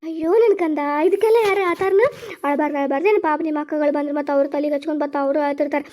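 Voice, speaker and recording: Woman doing a soothing mother, North Karnataka Kannada, fast, gentle pleading. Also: very high-pitched. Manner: soothing, coaxing. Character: caring village mother comforting her children. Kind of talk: family drama acting.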